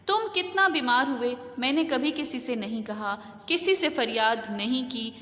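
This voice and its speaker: A woman's voice: on the high side, lively intonation, pushed and bright. A woman teacher voicing an aggrieved, tearful middle-aged housewife who complains shrilly, read aloud in an echoey room.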